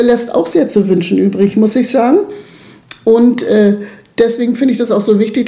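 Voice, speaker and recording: A woman's voice: on the high side, warm tone. A middle-aged woman leading a children's club, talking earnestly and emphatically in an interview, often checking in with "ne?". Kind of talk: interview conversation.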